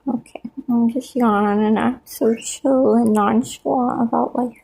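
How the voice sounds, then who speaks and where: Breathy high-voiced woman cooing at pets. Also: steady tone, unhurried, mellow. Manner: sing-song baby talk to her birds. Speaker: pet bird owner. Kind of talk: cooing pet-talk vlog.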